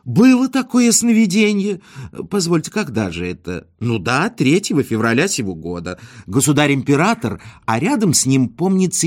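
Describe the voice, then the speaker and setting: A man voicing a smooth, self-assured male con man, speaking in a breezy, good-humoured way. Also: medium pitch.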